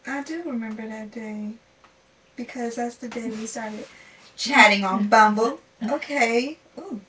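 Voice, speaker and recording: A young woman in a small wooden cabin, gushing excitedly while reading little notes aloud. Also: fairly high pitch, unhurried. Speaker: girlfriend receiving a promise ring. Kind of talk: casual vlog chat. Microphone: camera mic from across the room. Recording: distant, noisy cabin recording.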